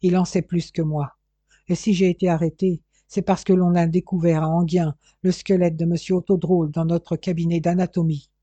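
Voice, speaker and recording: A man's voice: fairly high pitch, little pitch movement, normal speed, mellow, no echo, lightly acted. A man reading an audiobook, voicing an earnest, frightened young woman who pleads. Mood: pleading.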